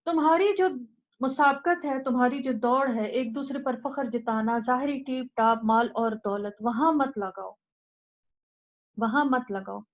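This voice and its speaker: A woman's voice: high voice, a little slow. A woman teaching the Quran, urging her listeners on with repeated, exhorting phrases. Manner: urgent, exhorting, repetitive. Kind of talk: Quran lecture. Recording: dull lo-fi recording.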